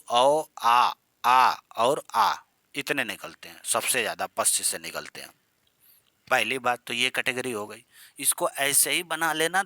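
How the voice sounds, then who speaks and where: A young man leads an exam-prep grammar lesson, talking in a chatty, coaxing way and calling his students "beta". His voice is bright and clear at an ordinary pitch. The sound is dry and close, with no room echo. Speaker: teacher.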